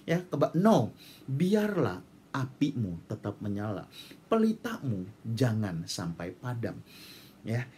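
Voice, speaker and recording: A man's voice: medium pitch, slow pace, slight background noise. A male pastor preaching with fervent exhortation and bursts of prayer in tongues. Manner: animated, exhorting, breaks into speaking in tongues.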